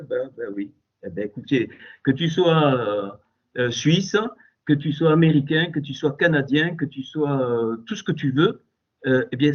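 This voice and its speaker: A man with a strong, husky voice pitched a little high delivers a fervent Torah teaching. He swings between soft asides and loud, exclamatory outbursts, his pitch rising and falling widely. It comes through dull, lo-fi Skype call audio. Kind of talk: impassioned religious teaching. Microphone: computer mic on a Skype call.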